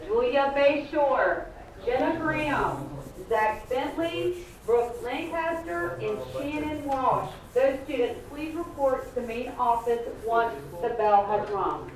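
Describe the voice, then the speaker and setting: A woman reading school announcements in a brisk, formal way over a PA loudspeaker. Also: high-pitched, a crowd in the background. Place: classroom, heard through a wall speaker. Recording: echoey PA loudspeaker heard from far off in a classroom.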